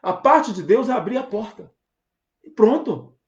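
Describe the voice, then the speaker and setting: Fervent Brazilian pastor, echoey lo-fi sound. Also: male voice, high voice, expressive, measured pace. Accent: Brazilian Portuguese. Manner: fervent, emphatic, rhetorical questions. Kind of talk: sermon. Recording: roomy, dull lo-fi sound.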